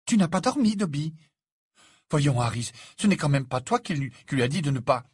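A man's voice: mid-range voice, lively intonation, fairly quick, breathy edge, no echo, clean studio sound. A man voicing a clever, earnest teenage girl witch in an audiobook, sounding precise and reproachful. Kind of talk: audiobook character voice.

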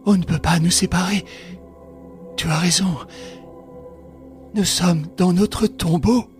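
A man voicing a frightened young woman in a read-aloud novel, crying out in a high, pleading voice. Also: fairly even intonation, slow, faint music behind. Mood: despairing. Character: terrified young woman trapped in darkness.

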